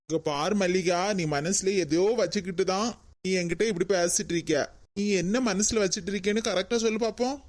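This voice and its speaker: A woman's voice: fairly low pitch, fairly quick, darkish tone, lightly acted. Woman voicing an insistent cartoon daughter-in-law. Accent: Kanyakumari Tamil. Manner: probing, insistent, coaxing. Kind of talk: animated comedy cartoon voice.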